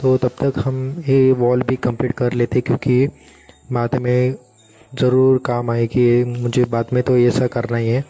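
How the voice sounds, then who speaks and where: Chatty young man, flat mellow voice. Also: mid-range voice, measured pace. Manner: chatty, reacts loudly to in-game mobs. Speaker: gaming YouTuber. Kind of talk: casual game commentary.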